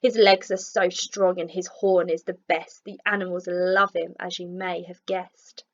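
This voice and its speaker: Her voice lowish, a female teacher narrates a children's book written in rhyme, giving it expressive, steady read-aloud delivery. The sound quality is lo-fi.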